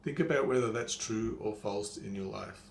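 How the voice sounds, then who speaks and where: A man's voice: lowish voice, moderate pace, vocal fry. An older man giving a motivational lesson straight to the listener like a wise old mentor, plain-spoken and didactic, repeating key phrases for emphasis. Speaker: money coach, presenter. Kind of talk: motivational instructional monologue to the viewer. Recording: echoey room, faint background noise.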